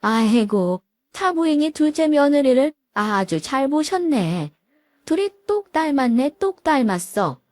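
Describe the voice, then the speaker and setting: A composed, well-off older mother in a storybook drama, wry and unbothered, as a woman puts her on. Her voice rises and falls lively and sits dry and close. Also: high voice, a little slow, no echo.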